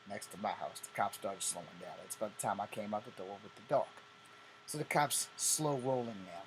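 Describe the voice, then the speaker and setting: A man's voice: fairly low pitch, low-quality recording. Fifty-something man from Virginia, blunt cursing vlogger, slight background hiss. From Virginia, USA. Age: 50s. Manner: blunt, profane, repetitive. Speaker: vlogger host. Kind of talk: casual ranting vlog.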